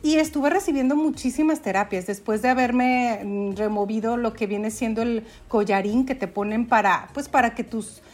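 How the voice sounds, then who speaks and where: Chatty Mexican woman, slightly high voice. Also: moderate pace, hardly any pauses. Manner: chatty, personal storytelling. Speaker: podcast guest, aromatherapist. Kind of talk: casual chat.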